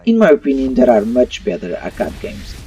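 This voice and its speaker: In a voice-over opinion review, a YouTube movie reviewer speaks in husky, dark tones at a fairly quick clip, his medium-pitched voice swooping wildly, and his English phrasing marks him as a non-native speaker. The mic sounds muffled and slightly distant, with faint music underneath.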